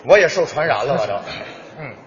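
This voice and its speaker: A man playing the straight man in a stage crosstalk comedy routine, firing off quick, teasing retorts. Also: on the high side, very animated, muffled recording.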